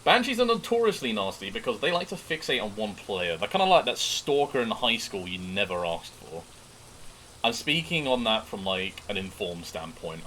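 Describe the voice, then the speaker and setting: Excitable guy streaming a spooky game, bright voice swinging up and down, some background noise. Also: on the low side, poor audio. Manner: animated, excitable, jokey asides. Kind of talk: live horror game commentary, casual chat to viewers.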